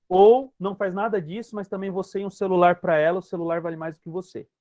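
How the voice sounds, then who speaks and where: A hypnotherapist with a Brazilian Portuguese accent gives an emphatic teaching talk to an online group, addressing listeners directly and repeating his main points. His voice is high and a little mellow, with no echo.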